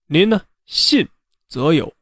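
A man narrating a ghost story in an unhurried, conversational way. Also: a little high, animated, breathy edge, dry recording, clean studio sound. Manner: unhurried, conversational telling with drawn-out particles.

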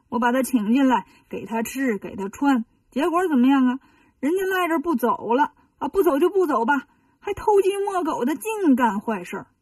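A woman voicing a grumpy, snobbish old male temple abbot who talks in a gruff, dismissive way, in a storybook retelling. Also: on the high side, a little mellow, dry recording, far from the mic.

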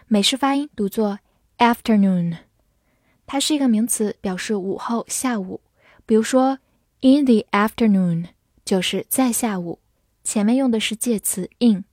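A woman teaching English vocabulary in a scripted lesson, spelling out words letter by letter and reading example sentences slowly. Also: a little high, a little mellow, no room sound, clean studio sound.

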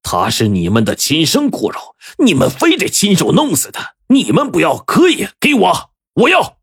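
A man's voice: low-pitched, animated, fairly quick, dry recording, studio quality. A man voicing a wealthy gang boss who can turn from genial to roaring. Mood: furious. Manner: smooth then roaring. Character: gruff rich gang boss, hot-tempered but kind.

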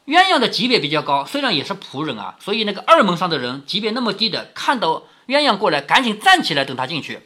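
Male narrator-commentator, reads to his child, explains as he goes. Bright, lively tone. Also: high-pitched, quick pace, hardly any pauses. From southern Jiangsu, China. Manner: explanatory, chatty asides. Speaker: father reading a novel aloud to his daughter. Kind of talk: storytelling with commentary.

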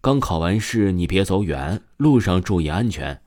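A man's voice: low-pitched, lively intonation, moderate pace, a little mellow. A man reading the lines of a chatty, nagging middle-aged mother in a storybook tale. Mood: fussing.

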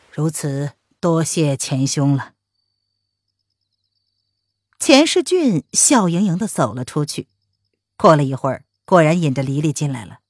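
A woman narrating a martial-arts story as an audiobook, in an expressive storytelling manner. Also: lowish voice, no room sound, studio quality.

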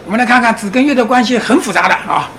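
A man giving a public lecture, animated, often asking his audience rhetorical questions and chuckling as he explains. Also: extremely high pitch, very fast, a little hiss or hum. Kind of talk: public lecture on Chinese classics and Zen.

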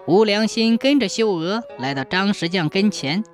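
A storyteller narrating a folk tale in a dramatic, expressive manner. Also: medium pitch, normal speed, soft background music.

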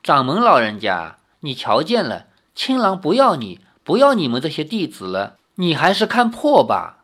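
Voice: medium pitch, wildly swooping pitch, normal speed, fairly bright tone. Reader doing a sly demon woman, coy and scornful, lilting swoops, storybook. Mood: teasing.

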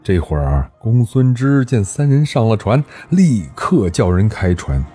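A man's voice: fairly low pitch, sing-song, measured pace, warm tone, faint music behind. A man telling an ancient history story, narrating with animation and voicing every character.

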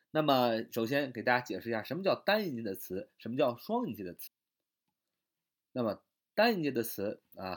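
A man teaching English grammar in Chinese, explaining step by step with many drawn-out fillers and repeated points. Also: medium pitch.

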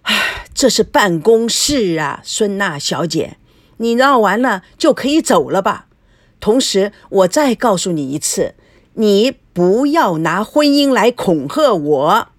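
A woman's voice: mid-range voice, big pitch swings, no room sound, clean studio sound. Fields: Figure: a woman voicing a cold, weary young businessman. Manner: measured, firm. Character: calm, weary young businessman trying to stay cool.

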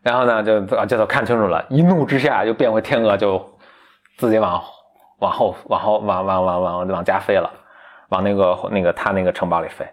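A man co-hosting a podcast, casually retelling a story in an animated way, laughing often and acting out the characters. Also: fairly low pitch, a little fast. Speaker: podcast co-host.

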